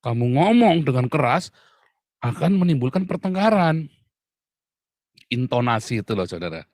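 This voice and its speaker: Indonesian guy preaching, blunt n fiery, bursts out loud, dry close sound. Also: mid-range voice, husky, no room sound. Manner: blunt, animated preaching with sudden loud outbursts. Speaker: pastor. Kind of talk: sermon.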